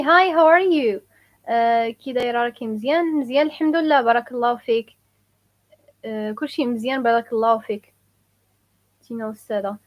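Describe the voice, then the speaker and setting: Lady doing a live language lesson, kinda high voice, says words over and over for viewers. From Morocco. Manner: casual, repeats phrases slowly for learners; answers viewer questions. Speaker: Moroccan Arabic teacher.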